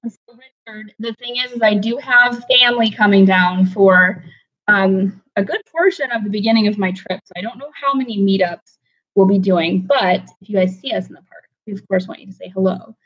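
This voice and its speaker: A woman's voice: mid-range voice, a little fast. A woman hosting a casual livestream from home, chatting easily and greeting viewers by name from the chat. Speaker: livestream host. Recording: dull lo-fi livestream audio.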